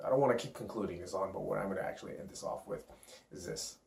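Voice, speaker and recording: A man's voice: deep voice, fast, creaky, darkish tone. A man who works as a self-awareness coach, talking in a rambling, profane, hyped-up motivational vlog. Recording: roomy echo.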